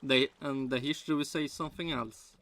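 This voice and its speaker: A man's voice: medium pitch, steady tone, a little fast, a bit bright. A man from Sweden with a Swedish accent, a native Swedish speaker, rambling in casual reaction commentary with broken English and many restarts. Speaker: streamer reacting to a video.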